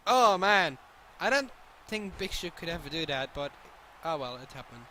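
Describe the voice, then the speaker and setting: Bright, high-voiced excitable male streamer. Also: normal speed, a little hiss or hum. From continental Europe, outside the British Isles. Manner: excitable, joking, swearing freely. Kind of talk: live gameplay commentary and chat replies.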